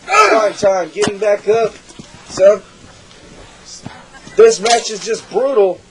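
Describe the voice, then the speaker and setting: A man calling a wrestling match play-by-play, excitable and shouting at big moves, losing his voice. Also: high-pitched, slow, background noise. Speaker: wrestling commentator.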